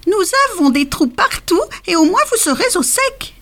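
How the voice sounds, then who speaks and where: Woman playing a squeaky eager storybook mouse, helpful. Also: big pitch swings, moderate pace, fairly bright tone, full character voice. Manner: eager, high-pitched. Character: small helpful female mouse.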